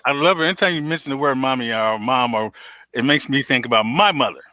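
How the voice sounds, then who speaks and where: Affirming male host with a bright, dry voice. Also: mid-range voice, quick pace, dry recording. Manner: affirming, conversational. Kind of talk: interview conversation.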